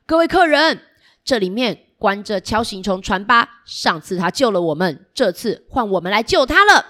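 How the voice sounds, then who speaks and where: A woman's voice: mid-range voice, very animated, moderate pace, sharp tone. A woman voicing an earnest little insect shopkeeper hero while reading to small children, urgent and appealing to them. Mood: rallying. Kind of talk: picture-book read-aloud to small children.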